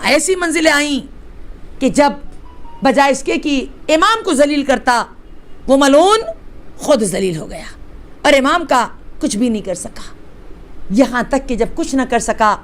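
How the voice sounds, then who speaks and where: A high-pitched woman scholar from Hyderabad delivers a passionate sermon as she tells a sacred story. Her voice drops to a hush and then rises again into fervent exclamations. She turns to her listeners often with direct rhetorical questions. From Hyderabad, India. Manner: impassioned, swings between hushed and rising exclamations. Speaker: religious scholar. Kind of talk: religious majlis sermon, storytelling.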